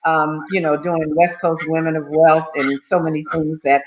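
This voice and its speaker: A woman's voice: deep voice, flat delivery, moderate pace, lo-fi sound, a little hiss or hum. Chatty woman in her seventies. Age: 70s. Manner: chatty and rambling, full of you-knows and repeats. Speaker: guest. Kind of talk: casual talk-show interview.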